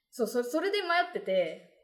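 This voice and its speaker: A woman's voice: a little high, sing-song, normal speed, darkish tone. Casual woman co-host in a roomy space. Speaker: podcast co-host, anime voice actor. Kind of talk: casual chat on a podcast. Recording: roomy, echoey recording.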